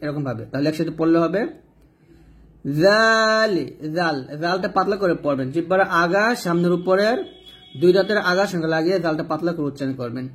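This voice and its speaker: High-voiced man teaching Quran reading. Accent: Bangladeshi Bengali. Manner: spells letters and vowels syllable by syllable, then chants verses slowly. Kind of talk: spelling-out Quran reading lesson.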